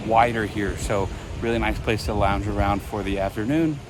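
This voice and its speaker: A man's voice: fairly low pitch, steady tone, moderate pace, background noise. A man presenting like an upbeat, enthusiastic travel show host.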